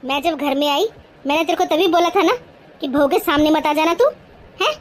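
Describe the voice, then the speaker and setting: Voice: extremely high pitch, fairly even intonation, a little slow, a little mellow. A voice actor playing a greedy, domineering middle-aged mother-in-law in a cartoon, scolding and boasting sharply.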